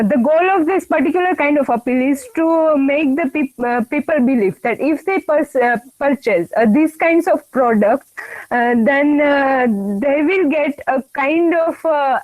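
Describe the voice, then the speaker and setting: A woman with an Indian accent presenting on an online call, halting and often restarting her words. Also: high voice, darkish tone, dry recording, low-quality recording. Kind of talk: screen-shared presentation.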